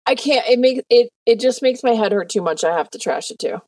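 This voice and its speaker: A woman's voice: a little high, expressive, a little fast, darkish tone, slight background noise. A woman hosting a casual podcast, playful and self-mocking. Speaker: podcast host. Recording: dry, slightly distant mic.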